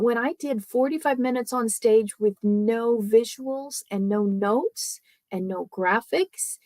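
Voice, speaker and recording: A woman speaking coach giving a live training talk, speaking softly and chattily with many fillers and tag questions like "right?" and "okay?". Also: on the high side, dry recording.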